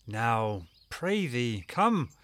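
A man's voice: medium pitch, sing-song, extremely slow, fairly bright tone, no echo, full character voice. An actor playing a genial prince who teases his singer and plots with his friends in courtly speech. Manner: courtly, playful, teasing. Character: genial, commanding male prince. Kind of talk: stage play performance.

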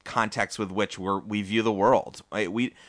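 A man's voice: lowish voice, steady tone, moderate pace, fairly bright tone, no room sound. Frank, joking man hosting a podcast. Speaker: podcast host. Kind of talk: casual podcast chat.

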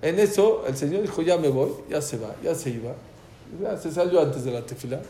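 Male religious teacher, mid-pitched, animated storyteller who voices the characters in his anecdotes; roomy recording with faint background noise. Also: a little fast. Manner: animated, acts out dialogue in stories. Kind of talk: storytelling lecture. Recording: echoey room with faint ambient noise.

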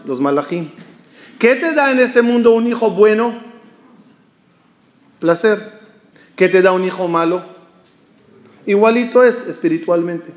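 A male rabbi giving an animated sermon, asking the audience questions and acting out the lines of a story. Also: high voice. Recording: dull, echoey hall recording.

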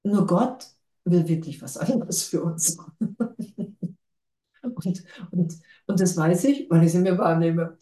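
A woman's voice: on the low side, takes it slowly, long pauses, dark tone, echoey room. A woman giving a spiritual talk to a group, casual and enthusiastic, laughing often. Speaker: spiritual teacher.

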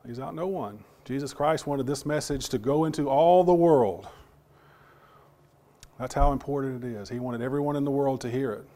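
Speaking in a mellow, mid-range voice, this man preaches to his flock with a voice still recovering from being partly lost. His delivery stumbles, circling back over words and asking the congregation questions.

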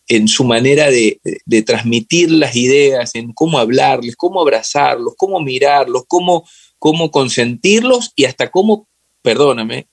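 A mid-range, slightly rough male voice with an Ecuadorian accent discusses football casually and reflectively as an interview guest. He keeps searching for words and repeating phrases, and no room sound is audible.

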